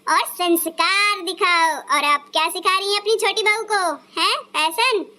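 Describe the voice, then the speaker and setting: A woman's voice: extremely high pitch, unhurried, pushed and bright, full character voice. A woman voicing a sarcastic cartoon daughter-in-law. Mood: accusing. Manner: accusing, sarcastic. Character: sharp-tongued elder daughter-in-law. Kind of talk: Hindi cartoon dubbing.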